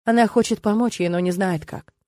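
A woman reads a romance novel aloud in an even, measured way. She sits close to the microphone and the room adds almost no reverb. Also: mid-range voice. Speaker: audiobook narrator. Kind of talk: scripted narration.

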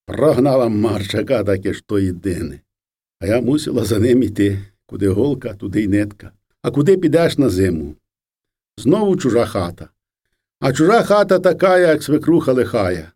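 A man reading a folk memoir aloud in an unhurried, storytelling way. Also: medium pitch, very animated, mellow, breathy edge. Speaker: reader. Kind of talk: storybook narration of a first-person memoir.

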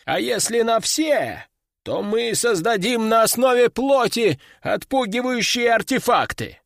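A man's voice: very high-pitched, lively intonation, unhurried, vocal fry, fairly bright tone, no echo, clean studio sound, pitched above the performer's own voice, full character voice. A man voicing a pompous, bossy elderly male master sorcerer who barks out orders. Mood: commanding. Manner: commanding, barking orders.

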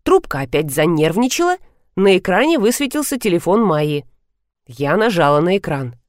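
A woman narrating an audiobook in the first person, wry and expressive. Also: on the low side, moderate pace, dry recording, clean studio sound.

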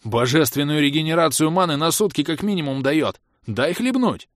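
A man's voice: a little high, expressive, normal speed, no echo, studio quality, pitched above the performer's own voice, close to an everyday voice. A man voicing a wheezy, greedy mage who pleads for a drink in an audiobook. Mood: begging. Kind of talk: audiobook character voice.

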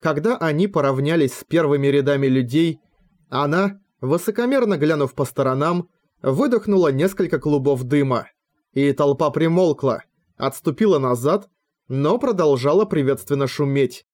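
A man's voice: on the high side, normal speed, darkish tone. Man reading a fantasy novel aloud. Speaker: audiobook narrator. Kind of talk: scripted fantasy novel narration.

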